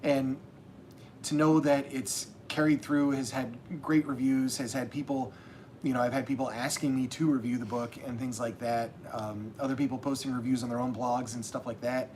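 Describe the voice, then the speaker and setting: A man's voice: medium pitch, steady tone, normal speed, darkish tone, a little hiss or hum. A man hosting a casual livestream as a self-published author, talking in a rambling way with many restarts.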